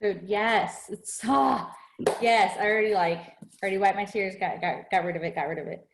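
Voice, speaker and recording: A woman's voice: medium pitch, normal speed, vocal fry, echoey room, noisy background. A woman hosting a casual chat, gushing and chatty, sprinkling her talk with "dude" and "like.". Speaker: host.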